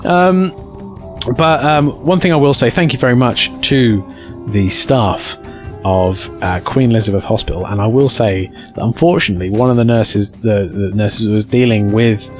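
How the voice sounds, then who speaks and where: This British streamer has a lowish voice and talks at a normal pace over faint background music. He entertains his live chat with crude, self-deprecating anecdotes, performing the dialogue and bursting out excitedly as the stories unfold.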